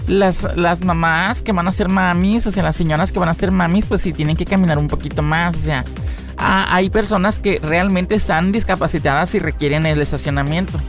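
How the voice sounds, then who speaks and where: A woman's voice: fairly low pitch, brisk, faint music behind. A woman co-hosting a radio show in casual, informal talk, hesitating and repeating herself. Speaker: radio co-host. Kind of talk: casual discussion.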